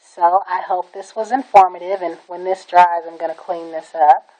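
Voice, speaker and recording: A woman's voice: lowish voice, fairly even intonation, moderate pace, dark tone, poor audio. A woman giving a casual nail art tutorial, talking in a chatty, enthusiastic way with frequent "um"s as she works. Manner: chatty and enthusiastic, with many "um"s and repeated "really, really". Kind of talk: casual how-to demonstration.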